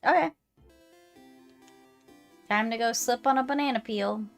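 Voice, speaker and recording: Female streamer, higher register, relaxed conversational game chat, light music underneath. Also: measured pace, gravelly. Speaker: live streamer, host.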